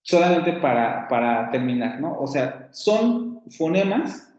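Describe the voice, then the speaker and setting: A male professor giving an online phonetics class, explaining at length and repeating example words slowly. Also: fairly high pitch, very animated, a little mellow, heavy reverb, lo-fi sound.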